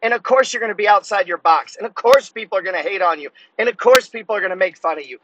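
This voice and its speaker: A man's voice: sits high, fast talker, background noise. Blunt, cursing man in his fifties. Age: 50s. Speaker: podcast host. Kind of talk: profane motivational monologue.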